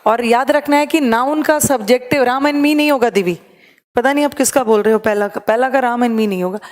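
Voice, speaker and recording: A woman teaches an English grammar class online. She explains each point step by step and mixes Hindi with English. Her voice sits a little high and has a long reverb trailing behind it. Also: a little fast.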